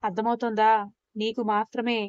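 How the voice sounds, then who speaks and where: A woman voicing a quiet loving young husband. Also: fairly high pitch, flat delivery, normal speed, clear, resonant tone, no room sound, lo-fi sound, natural voice. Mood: tender.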